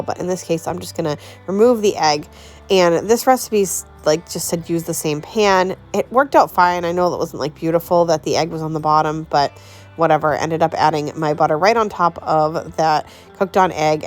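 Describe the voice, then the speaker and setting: A woman with a slightly low voice walks viewers through dinner in her home kitchen. She talks in a loose, chatty way and laughs easily, over faint background music. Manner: chatty, laughs often, says "like" a lot. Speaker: home cooking vlogger and mom. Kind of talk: casual cooking tutorial.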